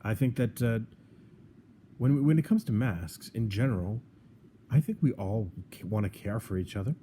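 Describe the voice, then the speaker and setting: A man with a low, mellow, dark voice holds forth in casual podcast talk. He argues his points with sarcasm and often stumbles and restarts mid-sentence. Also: animated, moderate pace, slight background noise. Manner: sarcastic, argumentative, frequent restarts. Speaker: podcast co-host. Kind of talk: opinionated casual chat.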